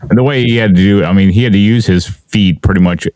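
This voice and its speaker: Deep-voiced man talking haltingly. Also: darkish tone, no room sound. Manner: halting, fills with "you know" and "I mean". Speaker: podcast host. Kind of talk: casual podcast chat.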